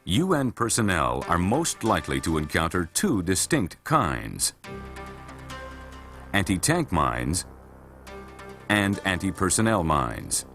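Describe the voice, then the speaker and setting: Soft music plays behind a man narrating a scripted military training film in a measured, formal, matter-of-fact way. His voice is low-pitched and a bit bright, yet it swings widely in pitch.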